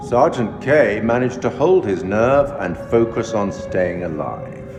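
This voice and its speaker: In scripted game narration, an actor with an expressive voice on the low side portrays an enigmatic curator appraising the player's choices. He sounds wry and appraising, formal and measured with a sardonic edge. The recording carries long hall reverb with music underneath.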